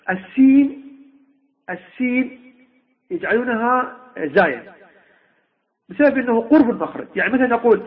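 A middle-aged man, teaching Quran recitation in a halting way with many drawn-out fillers and slowly sounding out letters to demonstrate them. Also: sits high. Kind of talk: recorded lesson on recitation. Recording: dull lo-fi recording.

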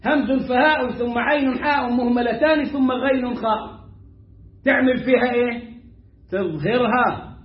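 A man with an Egyptian accent teaching Quran recitation, repeating words slowly to show how they are pronounced. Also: very high-pitched, reverberant, lo-fi sound. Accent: Egyptian Arabic. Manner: demonstrates pronunciation by repeating words slowly, animated and emphatic. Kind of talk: Egyptian colloquial tajweed lesson.

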